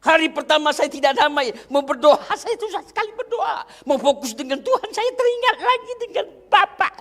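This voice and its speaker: A man from Aceh preaching a sermon as a pastor, telling a personal story with deep feeling, going from hushed to shouting and addressing the congregation directly. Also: expressive, fairly quick. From Aceh, Indonesia.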